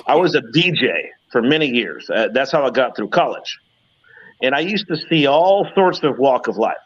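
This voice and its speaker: A man's voice: mid-range voice, big pitch swings, normal speed, slightly rough, lo-fi sound. A man in his fifties on a live panel talk show, telling a story with lots of stammered restarts.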